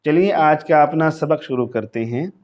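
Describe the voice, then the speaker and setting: The audio is dull, and the man's voice is a little high. He is a Quran teacher leading a tajweed lesson who explains rules quickly in Pakistani-accented Urdu, then recites the Arabic verses slowly in drawn-out tones.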